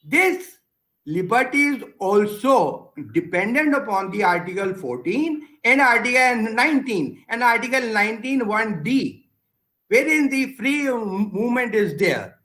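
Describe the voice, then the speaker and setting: This is an Indian English-speaking man lecturing at a webinar over a video call. His voice sits very high and sounds bright, and he moves at an unhurried pace. He keeps repeating his key words as he builds each point. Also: lively intonation, poor audio. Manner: slow, repetitive lecturing, circling back to key words. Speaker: guest speaker, senior advocate.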